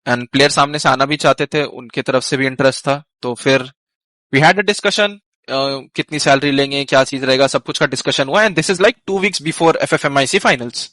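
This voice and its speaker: An esports team manager on a live stream tells the story of a team dispute in casual Hinglish, slipping English phrases into his Hindi with fillers and restarts. His medium-pitched voice is pushed and bright, at a normal speed, with no room sound.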